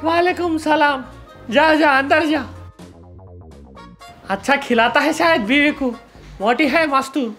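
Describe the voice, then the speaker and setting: A woman's voice: high voice, takes it slowly, pauses often, a bit bright, faint music behind. A woman playing a blunt, teasing elderly family uncle with a Hyderabadi accent in a comedy sketch. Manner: teasing, mock-scolding.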